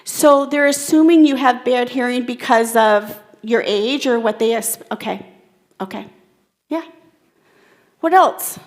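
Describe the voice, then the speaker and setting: A woman's voice: a little high, unhurried, pauses often. A woman giving a keynote talk, drawing in the audience and repeating their comments back to them. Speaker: keynote speaker.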